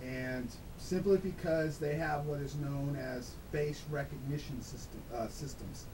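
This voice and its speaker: A man talking through a voice disguiser, explaining things casually and emphatically as an interview guest, often checking in with "okay?". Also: unhurried. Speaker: guest, dice-control instructor. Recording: clear background noise with low rumble.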